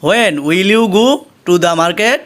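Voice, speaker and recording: A man with a Bengali accent teaching English, reading each short phrase twice, slowly and deliberately. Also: sits high, a bit bright. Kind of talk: slow repeated phrase drills for learners.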